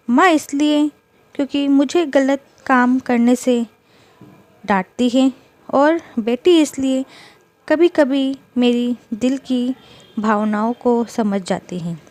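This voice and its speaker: A woman voicing a stern, fierce mother-in-law in a storybook tale, talking in sharp, scolding rebukes. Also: high voice, slow pace, no room sound. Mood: angry, protective. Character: stern fierce older mother-in-law, protective of her daughter-in-law.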